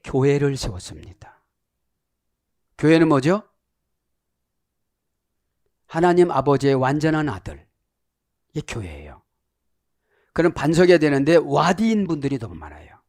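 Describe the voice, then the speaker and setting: A man's voice: on the high side, big pitch swings, measured pace, pauses often, a little mellow, no room sound, studio quality. A middle-aged man preaching a sermon as pastor, teaching Greek words and acting out the voices of the people he quotes. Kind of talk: sermon with Greek word study.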